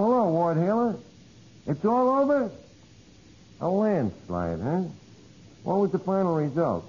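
A dim, scheming tavern wisecracker from New York in an old radio comedy. His high voice swings widely through mock-earnest, ungrammatical lines. The recording is muffled, with light hiss. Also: darkish tone, exaggerated voice. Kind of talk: 1940s-50s radio comedy acting.

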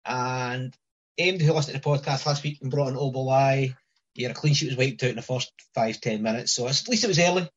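A man's voice: mid-range voice, fast, breathy edge. A man hosting a casual fantasy football podcast, chatty and steering the talk between co-hosts. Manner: chatty, leads the discussion and hands over to co-hosts. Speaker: podcast host. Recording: lo-fi dull audio.

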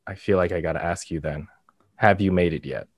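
Male podcast co-host, low register, monotone and casual, recorded dry and close. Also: brisk, no room sound. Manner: monotone, flat delivery.

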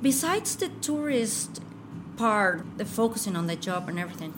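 A middle-aged tour guide from Ecuador speaks earnestly in a casual interview, her medium-pitched voice sing-song and paced at a normal speed. She frequently repeats herself and restarts sentences, with noticeable noise in the background.

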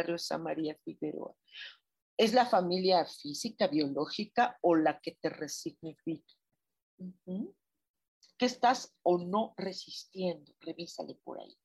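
Mexican woman, spiritual guide answering messages live; slow, husky, questioning, exclaiming often. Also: medium pitch. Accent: Mexican Spanish. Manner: gently questioning, with frequent exclamations. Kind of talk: live reflective chat.

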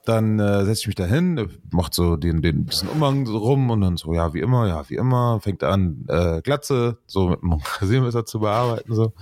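A man's voice: on the low side, dry recording, clean studio sound. A man casually telling a funny story in slangy street talk, laughing often.

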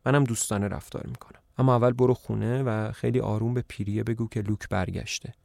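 A man's voice: fairly low pitch, fairly even intonation, creaky, darkish tone, no echo. A man voicing a sly, scheming farmer in a plain, dry, close reading, coaxing and sometimes snapping. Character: scheming middle-aged farmer son-in-law.

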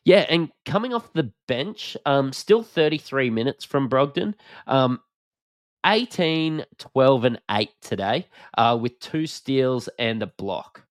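A man's voice: medium pitch, animated, slow, no room sound, clean studio sound. A man from Australia with a broad Australian accent, chatting informally and matily as a sports podcast host with plenty of slang. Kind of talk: casual basketball analysis chat.

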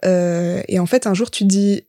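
A young woman, a musician guest on a podcast, talking in a relaxed, reflective way with many fillers and restarts. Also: mid-range voice, normal speed, dry recording, studio quality. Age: young adult. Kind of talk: casual chat.

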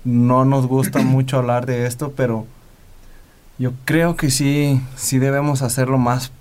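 A man's voice: mid-range voice, flat delivery, a little slow, darkish tone. Guy on a podcast talking earnest and thoughtful. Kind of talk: casual podcast conversation.

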